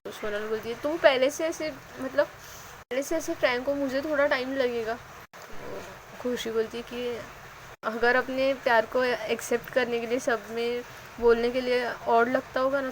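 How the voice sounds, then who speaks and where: A woman narrating a love story, voicing the characters' lines with lively energy. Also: fairly high pitch, slight background noise, poor audio.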